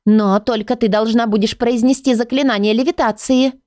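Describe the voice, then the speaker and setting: Audiobook: woman doing a squeaky little magic book girl, fiery, high and dry. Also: steady tone, normal speed, darkish tone, no room sound, natural voice. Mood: chirpy. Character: tiny excitable girl storybook, squeaky and fiery.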